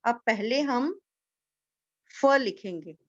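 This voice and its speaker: Slow, patient woman teaching little children. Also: on the high side, expressive, muffled recording. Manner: slow, patient, repeats each word for children to echo. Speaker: kindergarten teacher. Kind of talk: online class lesson for young children.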